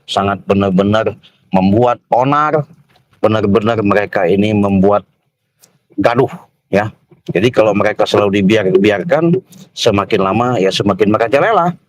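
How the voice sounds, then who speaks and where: A middle-aged man narrating a livestream in a slow, repetitive manner. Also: on the low side, no echo, dull audio. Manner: slow, repetitive, tags sentences with "ya". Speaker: vlogger livestreaming.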